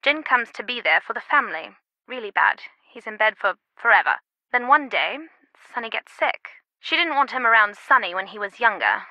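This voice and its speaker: In scripted adventure game dialogue, a woman voices a worldly, wry antiquities expert, sounding matter-of-fact and confiding. Her voice is on the high side, pushed and bright, with lively intonation at a moderate pace and heavily acted delivery. The recording is low quality, with no room sound.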